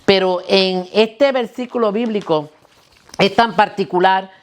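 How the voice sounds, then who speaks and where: A woman's voice: medium pitch, a little slow. A woman pastor preaching a sermon, asking the listeners questions and restarting words now and then.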